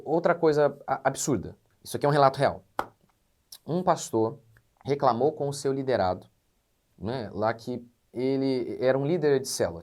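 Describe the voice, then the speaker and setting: Lively, quick-talking Brazilian pastor. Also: male voice, medium pitch. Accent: Brazilian Portuguese. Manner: animated storytelling with frequent restarts. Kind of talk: casual commentary monologue.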